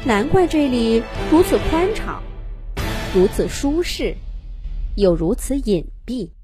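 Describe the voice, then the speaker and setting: A woman narrating a children's animal story in an expressive, dramatic way. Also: mid-range voice, no room sound, clean studio sound.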